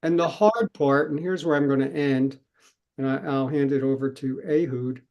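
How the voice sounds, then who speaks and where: A man speaking on a panel in a measured, reflective way. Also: medium pitch, steady tone, a little mellow. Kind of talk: panel talk.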